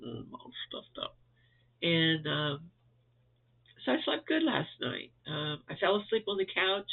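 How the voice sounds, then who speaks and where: With big pitch swings, vocal fry, and a breathy edge, this man's high-side voice moves a little slowly. He's a congested crochet vlogger from Florida losing his voice, chatting and rambling to viewers from home with frequent chuckles. The audio is tinny, as if from a phone.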